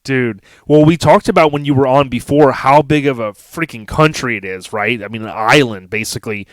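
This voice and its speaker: A man's voice: mid-range voice, brisk, no room sound. An American man hosting a casual podcast chat, talking enthusiastically and speaking straight to his listeners. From United States. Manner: enthusiastic, addresses listeners directly. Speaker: podcast host.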